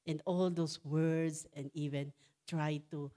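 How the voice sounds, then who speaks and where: A middle-aged woman giving a church testimony and sermon, switching between English and Tagalog, often asking "Amen?" and pausing on fillers. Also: sits low, fairly even intonation, warm tone. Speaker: church speaker.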